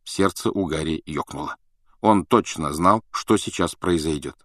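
A man reading a story aloud as an audiobook narrator, in an even, measured storytelling way. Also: very deep voice, dry recording, clean studio sound. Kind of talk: scripted narration.

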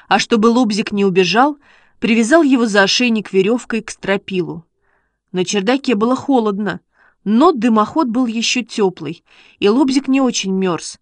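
A woman narrating a children's story in a steady, measured reading. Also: mid-range voice, no echo. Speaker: audiobook reader.

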